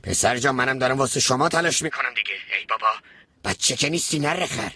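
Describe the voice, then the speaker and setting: An actor playing a scheming, desperate uncle in debt who rambles and pushes others, in a dubbed TV drama. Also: male voice, mid-range voice, animated, bright, forceful tone, slightly rough, no room sound. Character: scheming, desperate middle-aged man. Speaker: uncle in debt chasing an inheritance.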